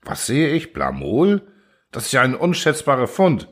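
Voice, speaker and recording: A man voicing a haughty, pompous old male squid who plays the doctor, speaking high above his own voice. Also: huge pitch swings, normal speed, a bit bright. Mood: condescending. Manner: pompous, condescending, snapping.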